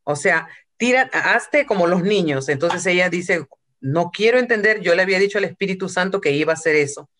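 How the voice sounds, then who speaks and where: A woman's voice: lowish voice, lively intonation, brisk, fairly bright tone, slight background noise. Spanish-speaking woman preaching with story-telling. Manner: storytelling with acted quotes, slips into English phrases. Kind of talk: sermon.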